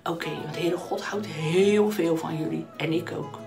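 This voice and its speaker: A woman telling a Bible story to children, animated and addressing them directly. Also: low-pitched, a little slow, gravelly, over music.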